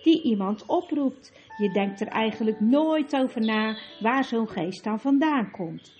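A woman voicing a calm, reasonable boy who leads his siblings, in an audiobook. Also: on the high side, unhurried, soft background music. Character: calm boy, eldest brother and leader.

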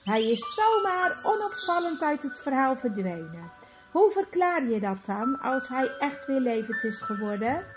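A woman's voice: sits high, poor audio. A woman voicing a bitter, defiant male dwarf who argues with scorn and snaps. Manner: scornful, snapping, rising to shouts.

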